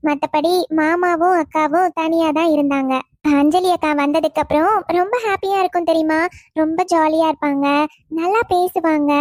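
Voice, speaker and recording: Woman telling a cartoon family story, really high voice, chatty, dry close mic. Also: a little mellow, dry recording. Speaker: narrator.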